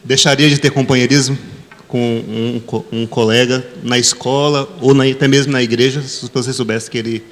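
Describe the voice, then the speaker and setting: A man's voice: mid-range voice, fairly even intonation, moderate pace, big-room sound. A man from Brazil with a São Paulo accent, moderating a church youth discussion by asking questions. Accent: São Paulo Portuguese.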